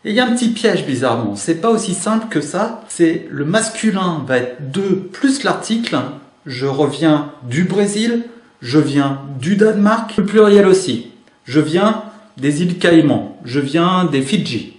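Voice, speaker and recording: Lively male French teacher, echoey room. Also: on the high side, measured pace. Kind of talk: grammar lesson to camera.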